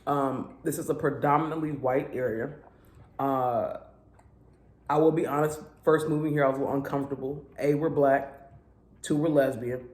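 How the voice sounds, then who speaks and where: A woman hosting a casual eating vlog at home, telling stories with an animated, drawling, laughing manner. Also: rumbling low, normal speed. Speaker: vlog host. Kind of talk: casual chat while eating. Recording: echoey room.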